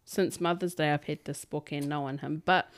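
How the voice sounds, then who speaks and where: Kiwi woman w maori accent, kinda low voice, chatty banter on a podcast, really dry sound. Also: fairly even intonation, moderate pace, no room sound. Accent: New Zealand Māori. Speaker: podcast co-host. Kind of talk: casual chat.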